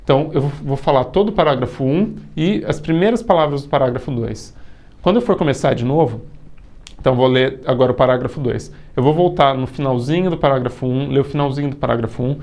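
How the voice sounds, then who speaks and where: A man's voice: medium pitch, quick pace, a little mellow. A young man with a Brazilian Portuguese accent, teaching a video course and explaining step by step in a casual way. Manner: talks it through step by step, with restarts.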